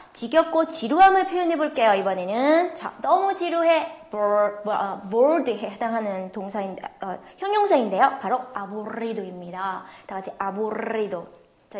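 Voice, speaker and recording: A woman teaching Spanish as a language teacher, patiently explaining and slowly modeling phrases for students to repeat. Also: on the high side. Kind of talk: textbook audio lesson. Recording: roomy echo.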